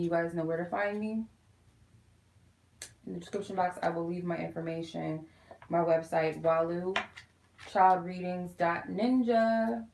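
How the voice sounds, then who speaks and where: A woman's voice: fairly low pitch, creaky, a little mellow, reverberant, a little hiss or hum, poor audio. A woman chatting informally to viewers as she gives a casual tarot reading on a live stream from home. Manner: informal, chatty, addressing viewers as "you guys". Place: quiet room at home.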